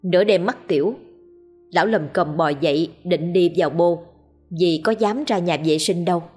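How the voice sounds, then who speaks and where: A woman telling a scripted ghost story in a steady, dramatic way. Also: fairly low pitch, moderate pace, slightly rough, faint music behind.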